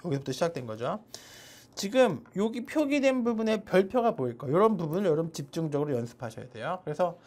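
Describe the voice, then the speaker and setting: A woman leads an online English pronunciation lesson, explaining each letter sound and repeating it slowly for the viewer. Her voice sits a little low yet moves lively up and down as she explains. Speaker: English teacher.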